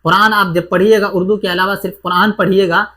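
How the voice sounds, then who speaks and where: A man's voice: sits high, flat delivery, pushed and bright. A man teaching an exam-prep grammar lesson, who repeats each point and asks and answers his own questions.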